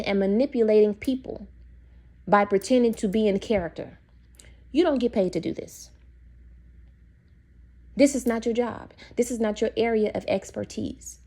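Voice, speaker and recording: A woman's voice: medium pitch, warm tone. A young woman giving an opinionated, preachy monologue as a video host, talking straight to her viewers. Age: young adult. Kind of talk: casual monologue to camera.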